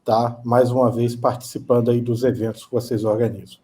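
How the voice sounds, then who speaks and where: A man's voice: medium pitch, level tone, a little fast, mellow. A man in his fifties with a Brazilian Portuguese accent, answering interview questions hesitantly and often repeating words. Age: 50s. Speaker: guest.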